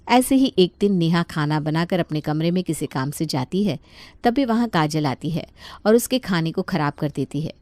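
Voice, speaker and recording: A woman's voice: on the low side, dry recording. Woman narrating a cartoon story. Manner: steady, plain storytelling.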